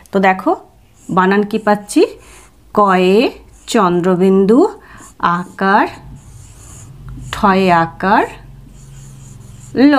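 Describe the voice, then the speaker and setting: A middle-aged woman teacher giving a grammar lesson, spelling words out slowly and repeating each one to check that her pupils follow. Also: mid-range voice. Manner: slow, drawn-out, repeating each word; asks "ঠিক আছে?" to check understanding.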